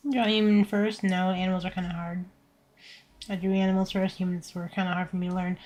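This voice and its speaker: A woman in her twenties chatting casually and thinking aloud while drawing on a stream, in a tired, low-energy, laid-back voice, into a desk mic. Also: little pitch movement, a little fast, a little mellow. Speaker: VTuber streamer. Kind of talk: casual art stream chat. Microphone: desk microphone set to surround pickup.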